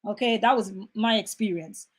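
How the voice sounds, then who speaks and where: A woman's voice: mid-range voice, a little fast. A young adult woman hosts a casual livestream and chats animatedly while reading out viewer comments. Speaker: host reading live chat.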